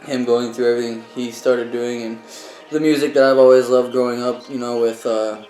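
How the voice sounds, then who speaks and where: A man's voice: mid-range voice, fairly even intonation, fairly quick, mellow. A man from the United States, a musician being interviewed, talks in an informal, self-promoting way in casual chat. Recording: echoey room, music behind.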